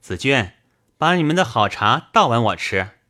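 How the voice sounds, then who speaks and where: Guy reading as a teasing young nobleman, playful, voice bouncing all over, mid-low. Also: very animated, normal speed, bright, forceful tone. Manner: teasing, light and bantering. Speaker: audiobook reader. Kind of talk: classical novel reading.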